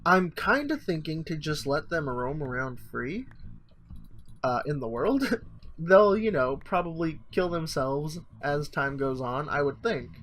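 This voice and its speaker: A young gaming channel host with a fairly high, somewhat bright voice gives rambling, casual commentary on a survival game, peppered with ums and small chuckles. He sounds stuffy, with a just-woke-up morning voice, and there's a slight hiss or hum in the recording.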